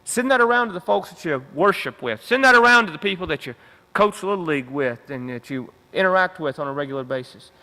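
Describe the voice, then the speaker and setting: A man's voice: fairly high pitch, lively intonation, fast talker, sharp tone. A young man giving an emphatic convention speech with a repetitive rallying cadence, as a union veterans leader. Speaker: union veterans council director. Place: convention hall. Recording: echoey hall reverb.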